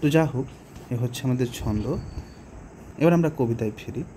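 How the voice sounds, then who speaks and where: A man with a Bengali accent explaining a poem to students, slowly and patiently, with pauses and rhetorical questions. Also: mid-range voice, dark tone, slight background noise. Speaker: teacher. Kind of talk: poetry lesson explanation.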